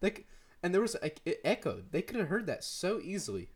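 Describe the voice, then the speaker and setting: A man's voice: high-pitched, wildly swooping pitch, brisk, slightly rough. A teenage boy co-hosting a podcast, telling rambling stories with lots of laughs and "dude". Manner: rambling, laughs often, says dude a lot. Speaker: podcast co-host. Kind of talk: casual chat.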